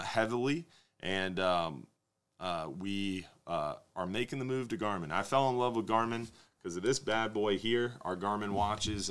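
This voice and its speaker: In his thirties, this fishing show host sits at a studio desk running a live Q&A stream, reading out viewer questions and answering in a relaxed, chatty way. His voice is smooth and on the low side, picked up by a desk microphone on a stand.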